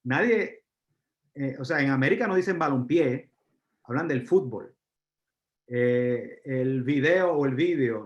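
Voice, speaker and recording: A man with a Puerto Rican accent lectures to a room, stopping often on fillers and turning questions out to his listeners. His voice sits at an ordinary middle pitch. The recording is roomy and slightly dull, as if caught from across a lecture room. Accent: Puerto Rican Spanish. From Puerto Rico. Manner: frequent fillers, asks the audience questions. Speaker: university lecturer. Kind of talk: live lecture to an audience.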